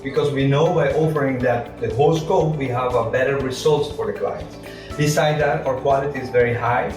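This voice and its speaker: A man, an English speaker, answering interview questions as an entrepreneur in a halting, repetitive, explanatory way. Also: medium pitch, steady tone. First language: not English. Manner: halting, repeats words, explains with rhetorical questions. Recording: echoey room, distant mic, music.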